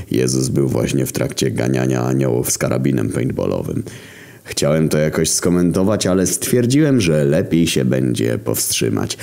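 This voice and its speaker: A man with an extremely deep, gravelly voice narrates a crude first-person tale. His delivery is sardonic and swings lively in pitch, with a dark, heavy tone. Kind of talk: first-person comedy horror storytelling.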